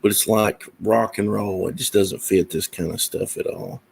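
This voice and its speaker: A man who makes music and comics talks casually to camera about his music and projects, rambling and meandering with many fillers. His fairly low, darkish voice is creaky, slightly rough and steady, at a moderate pace.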